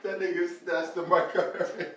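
A man's voice: high voice, little pitch movement, a little fast, pushed and bright, distant mic. A man in casual chat, boisterous and laughing through the banter. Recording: echoey room, off-mic, faint noise.

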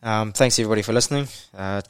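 Low-voiced Kiwi man, blokey podcast host. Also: very fast, clean tone, dry recording. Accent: New Zealand. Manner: blokey, slangy, freely swearing. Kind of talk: casual interview chat.

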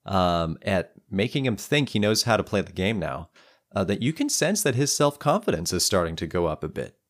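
A man with a very low voice narrates and referees a tabletop game. He talks loosely and laughs often. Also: sing-song, normal speed. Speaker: game master.

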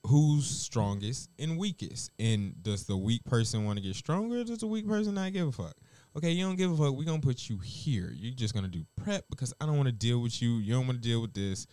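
Man, chef, casual chat, blunt and profane, animated pitch, dry sound. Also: brisk, smooth, no room sound. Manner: blunt, profane, laughing often.

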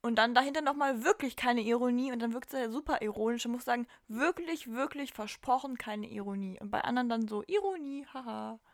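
A woman in her twenties co-hosting a podcast, telling stories in a casual, lively way and laughing often. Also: on the high side, fairly quick, few pauses, dry recording, clean studio sound. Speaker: podcast co-host. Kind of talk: casual chat.

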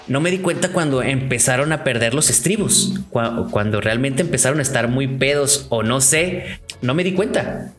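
A young man with a Mexican accent tells a personal story in a casual, animated way, full of slang and restarts. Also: medium pitch. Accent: Mexican Spanish.

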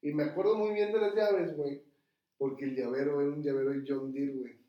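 A man's voice: fairly high pitch, steady tone, a little fast, muffled recording. A man with a Mexican accent telling a story in casual chat, swearing freely and tagging nearly every phrase with slang. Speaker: podcast storyteller. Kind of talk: casual storytelling among friends. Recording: roomy echo, mic at a distance.

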